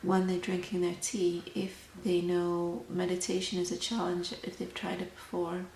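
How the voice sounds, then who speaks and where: Soft-spoken ASMR woman with creaky voice. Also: lowish voice, monotone, moderate pace. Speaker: host of a tea meditation channel. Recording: roomy echo, faint background noise.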